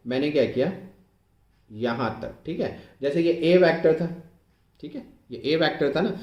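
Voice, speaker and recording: A male physics teacher giving an online exam-prep lecture, explaining slowly and repeating himself, often asking whether it is clear and dictating English phrases word by word as he writes. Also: mid-range voice, a little mellow, echoey room. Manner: slow, repetitive, keeps asking if it is clear.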